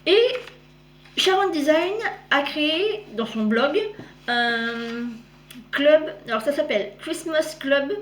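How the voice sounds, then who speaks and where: Slow and high-pitched, with long pauses, a cross-stitch vlogger rambles through her show-and-tell, often correcting herself mid-sentence and fondly addressing viewers as "girls." The clip has a roomy echo and slight background noise.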